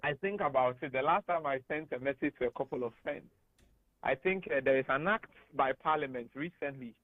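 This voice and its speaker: A man with a Ghanaian English accent, speaking as a guest analyst on a radio talk show, animated and emphatic. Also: medium pitch, a little fast, no echo. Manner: animated and emphatic, laughs often. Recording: tinny phone-like radio studio sound.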